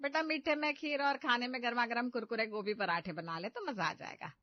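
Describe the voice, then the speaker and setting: A woman voicing an exasperated middle-aged mother-in-law who scolds loudly in a cartoon story. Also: on the high side, fairly quick, no echo, muffled recording, natural voice. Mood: weary.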